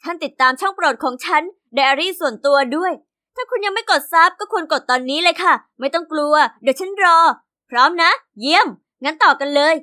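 Very high, bright woman telling a story. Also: a little fast. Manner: first-person storytelling as a young girl, lively and expressive. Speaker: narrator of an animated diary story. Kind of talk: scripted storytelling narration.

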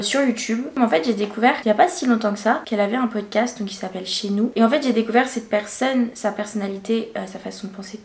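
A young woman talking to camera in a casual vlog, chatty and self-mocking, with a slangy, offbeat accent. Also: a little high. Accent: self-described odd accent. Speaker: YouTuber. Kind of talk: casual face-cam favorites vlog. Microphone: camera mic, face cam. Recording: echoey room.

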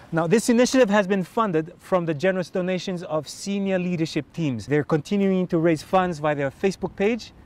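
Upbeat TV host, man from Fiji, middle-aged, high-pitched. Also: a little mellow. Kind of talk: upbeat TV show presenting. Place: sunny beach outdoors.

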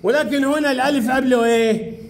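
A man's voice: very high-pitched, fast, background noise. A man teaching a primary school lesson in a classroom, firing questions, calling pupils by name and repeating their answers.

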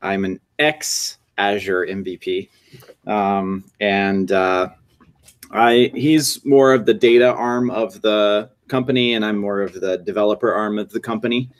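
A man co-hosting a meetup while getting over a cold. His voice sits low and he speaks in a relaxed, low-key way, chiming in with short agreements. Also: a little slow. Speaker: meetup co-host. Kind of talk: casual talk to a group.

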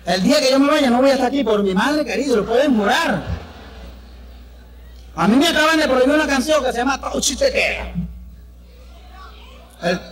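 With a very high-pitched, expressive voice, this Venezuelan-accented comedian talks at normal speed and pauses often. His stand-up set is crude and brash, chatting and trading stories with the audience. It was recorded at a live show, and crowd noise comes through.

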